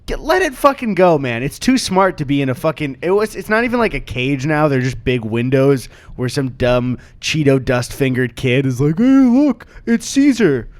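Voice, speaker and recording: Lively young American guy chatting. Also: mid-range voice, normal speed, few pauses. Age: young adult. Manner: slangy, sweary, rambling opinions. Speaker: podcast co-host. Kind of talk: casual chat.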